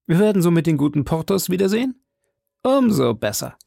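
A man's voice: high-pitched, brisk, creaky, no echo, studio quality, voice pushed up, heavily acted. Aramis, a man doing an airy vain musketeer. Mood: airy lively. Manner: airy, animated, affected. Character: refined poetic young musketeer, vain.

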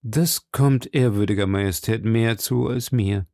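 Male narrator doing a cold, measured cardinal, gravelly, mid pitch. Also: darkish tone, no room sound, studio quality. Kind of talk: audiobook character voice.

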